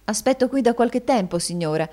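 A woman's voice: fairly high pitch, lively intonation, a little fast, dark tone, voice pushed up, lightly acted. A woman reading a storybook voices a polite, composed young woman.

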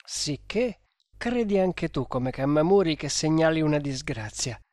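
A proud, fearless hunter from a storybook reading, as a man voices him, issuing curt orders that brook no reply. The tone is fairly high for a man and the sound is dry and close. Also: expressive, measured pace, a little mellow, no echo. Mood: questioning. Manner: commanding, curt.

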